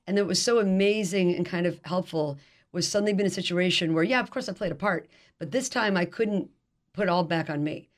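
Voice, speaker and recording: A woman's voice: fairly low pitch, brisk. A middle-aged woman, an author being interviewed, talking in a rambling, self-deprecating way and laughing often. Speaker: author guest. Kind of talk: casual interview chat.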